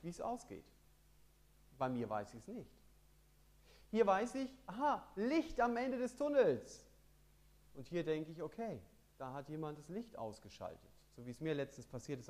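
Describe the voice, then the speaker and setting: Lively, emphatic male preacher. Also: medium pitch. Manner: lively, emphatic preaching, reading scripture aloud. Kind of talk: sermon.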